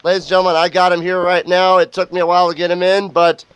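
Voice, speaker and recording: A man's voice: sits high, monotone, quick pace, a bit bright, smooth, no room sound. A man hosting a casual online show over a voice call, a little sick and coughing, with playful, theatrical announcing. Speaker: host.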